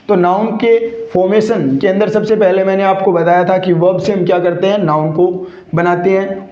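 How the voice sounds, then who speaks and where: A man's voice: sits high, darkish tone. A male English teacher, lecturing a class and constantly answering his own rhetorical questions. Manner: repeats rhetorical questions and answers them himself. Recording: echoey room, dull lo-fi sound.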